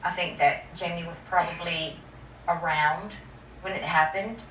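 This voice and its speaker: A woman's voice: lowish voice, fairly even intonation, a little slow, fairly bright tone, reverberant, far from the mic, slight background noise, rough recording. A woman talking candidly as an interviewee in a documentary. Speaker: interviewee, victim's relative.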